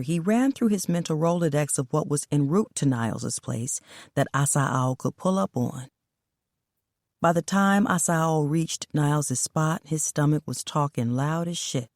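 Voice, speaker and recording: A woman reading a story aloud as audiobook narrator, in a steady, matter-of-fact way. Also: low voice, no room sound, studio quality.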